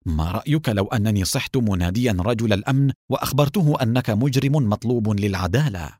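A man's voice: fairly low pitch, animated, quick pace, darkish tone, dry recording, clean studio sound. A man voicing a sly, cunning male villain in an audiobook. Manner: sly, smooth-talking.

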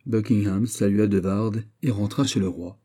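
A man reading a classic novel aloud in a measured, steady narration. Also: lowish voice. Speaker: audiobook narrator. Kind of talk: scripted narration.

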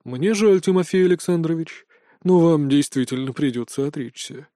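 A man voicing a cold, curt male handler who speaks in a dry, quietly threatening way over the phone, in an audiobook. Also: fairly high pitch, moderate pace, no room sound, natural voice.

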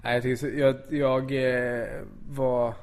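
A man chatting casually on a podcast, telling an animated story and acting out what everyone said. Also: medium pitch. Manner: animated storyteller, quotes people with "jag bara". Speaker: podcast co-host. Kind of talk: casual chat, anecdote telling.

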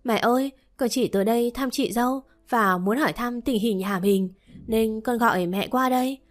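A woman voicing a vengeful young woman who shouts shrilly in a storybook reading. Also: on the high side, normal speed, natural voice. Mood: tearful pleading.

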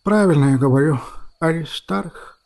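A man voicing an emotional old woman, gruff by reputation but soft and tender, speaking quietly and fondly. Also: fairly high pitch, slow. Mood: joyful. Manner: soft, tearful, fond.

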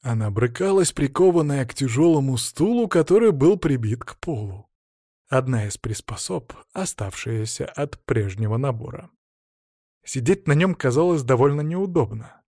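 A man reading a first-person story aloud with a wry, expressive delivery. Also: mid-range voice, normal speed, dry recording, studio quality. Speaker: audiobook reader. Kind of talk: scripted first-person narration.

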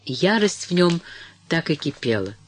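A man narrating an audiobook in a measured, dramatic reading. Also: a little high, big pitch swings. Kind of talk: scripted narration.

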